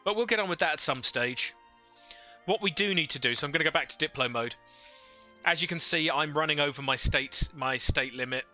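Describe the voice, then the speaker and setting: A man's voice: a little high, brisk, bright, forceful tone, faint music behind. A man livestreaming a strategy game into a headset mic, thinking aloud and chatting with viewers. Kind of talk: casual live gameplay commentary.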